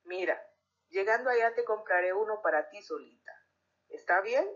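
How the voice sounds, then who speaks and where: A woman playing a gentle comforting father. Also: mid-range voice, animated, moderate pace, close to an everyday voice. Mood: soothing. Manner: soothing, reassuring. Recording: dull lo-fi recording.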